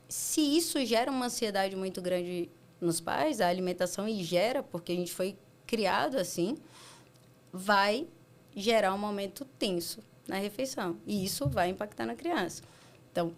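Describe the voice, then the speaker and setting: A woman pediatrician with a Brazilian accent, explaining calmly in a casual interview and acting out parents in quick asides. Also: mid-range voice. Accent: Brazilian Portuguese. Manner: animated, acts out parents and children in quick asides. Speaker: pediatrician guest.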